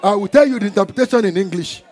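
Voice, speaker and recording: A man preaching a church sermon, emphatic, with call-and-response shouts and chanting. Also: sits high, very fast, a faint crowd. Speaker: pastor. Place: church hall. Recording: church service with music and congregation behind. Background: music and congregation.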